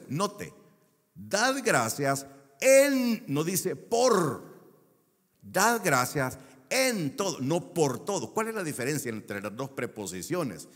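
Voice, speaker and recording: A man's voice: medium pitch, in a large hall. A man preaching a sermon as a pastor, stretching key words for emphasis and telling a personal story. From El Salvador.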